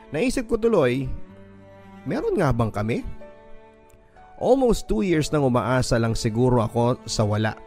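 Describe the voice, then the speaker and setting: A Filipino man hosts a radio drama, reading a listener's first-person story as dramatic, earnest, and sentimental narration. His voice is medium-pitched with a darkish tone, and a music bed plays beneath it.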